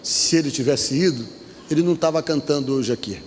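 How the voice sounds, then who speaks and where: A man's voice: on the high side, fairly quick, big-room sound, a little hiss or hum. A man who is a pastor, speaking, telling a personal story as part of a sermon and acting out the voices of the people in it. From Brazil. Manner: storytelling, acts out quoted voices. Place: church.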